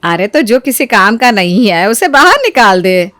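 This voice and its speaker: A woman's voice: mid-range voice, big pitch swings, normal speed, a bit bright, no echo, clean studio sound. A woman voicing a stern, bossy mother-in-law who orders the household around in a family storybook. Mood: casual. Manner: scolding, bossy. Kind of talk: storybook character acting.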